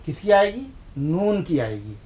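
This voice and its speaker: This Urdu script teacher speaks in a slightly high, sing-song voice with a dark tone. Delivering a televised language lesson, he patiently asks questions, supplies the answers himself, and repeats key points to stress them.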